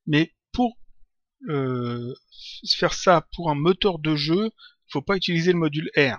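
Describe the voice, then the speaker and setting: A man answering viewer questions in a casual software tutorial, talking hesitantly with many fillers and restarts. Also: a little high, dry recording, lo-fi sound. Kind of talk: casual screen-recorded Q&A.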